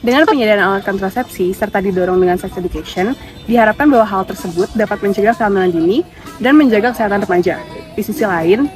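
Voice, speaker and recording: A woman reading narration for a student presentation. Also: medium pitch. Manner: steady reading. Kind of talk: read narration.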